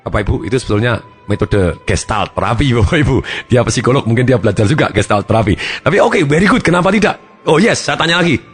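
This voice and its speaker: A man giving a self-help talk as a therapist, acting out his client's words in animated shifting voices. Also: mid-range voice, quick pace, few pauses, slightly rough, soft background music. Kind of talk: motivational talk with acted anecdotes.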